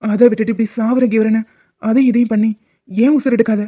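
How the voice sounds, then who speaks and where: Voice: medium pitch, steady tone, a little fast, natural voice. A voice actor playing a young, hot-tempered but caring boyfriend in a cartoon love story, first scolding and then explaining things earnestly. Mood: angry. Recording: tinny phone-like cartoon audio.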